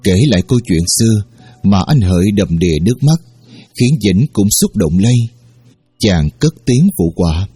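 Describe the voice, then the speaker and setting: A man narrating a story in a steady, measured way. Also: lowish voice, husky, no room sound, studio quality, soft background music. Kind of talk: scripted narration.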